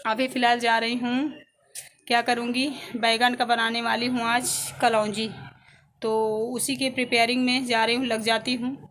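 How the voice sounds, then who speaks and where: A woman's voice: on the high side, little pitch movement, normal speed, a bit bright, reverberant, slight background noise. A woman in her thirties with an Indian Hindi accent, chatting casually to viewers while doing housework at home. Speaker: vlogger. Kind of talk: casual vlog chat with viewers. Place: home kitchen.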